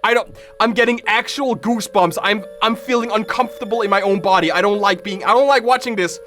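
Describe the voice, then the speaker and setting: Streaming his reactions to horror clips, a man with a high, somewhat bright voice reads the on-screen text aloud and comments theatrically, looping back over his phrases repeatedly. He speaks a little quickly, with music clearly playing underneath.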